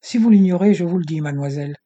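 A man's voice: on the high side, steady tone, moderate pace, warm tone, husky, highs cut off. A man voicing a harsh, threatening male villain with a slightly hissing voice in an audiobook. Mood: menacing.

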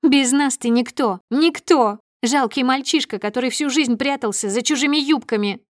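A woman reading an audiobook voices a furious, spiteful young wife. She shrieks high and loud, then drops to a venomous hiss. The sound is dry and close, with no room around it. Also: normal speed, no echo, lightly acted. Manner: shrieking, hissing threats. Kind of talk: audiobook character voice.

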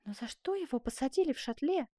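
A woman's voice: high voice, animated, fast talker, warm tone, dry recording, studio quality, pitched above the performer's own voice. A woman voicing a coquettish young seamstress who teases her lover, in a storybook reading. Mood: teasing. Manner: coquettish, teasing.

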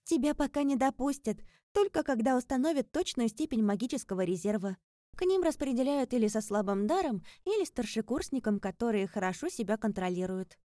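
A woman voicing a lively young female student who explains things earnestly and gets heated quickly. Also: fairly high pitch, no echo, studio quality, pitched above the performer's own voice, natural voice. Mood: explaining.

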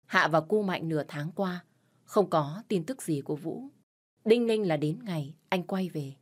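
A woman narrating an audio story in a steady, measured way. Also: on the low side.

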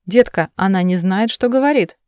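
A woman's voice: mid-range voice, animated, moderate pace, a little mellow, no room sound, close to an everyday voice. A woman reading the lines of an angry, controlling young man who snaps and defends himself, in a dry voice. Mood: angry defensive. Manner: snapping, defensive.

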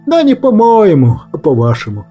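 Guy putting on a sly old grandpa talking in riddles, husky, mellow. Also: high-pitched, huge pitch swings, normal speed, faint music behind, heavily acted. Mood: teasing. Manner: drawling riddling talk. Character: sly cryptic old man, calm and knowing.

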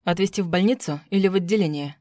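A woman reading an audiobook, voicing a calm, cautious taxi driver of about fifty. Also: sits high, quick pace, no echo, studio quality, lightly acted. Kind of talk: audiobook character voice.

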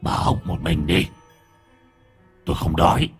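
A man voicing a cold, menacing old husband with a husky, curt voice. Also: extremely low pitch, lively intonation, a little slow, soft background music, pitched below the performer's own voice.

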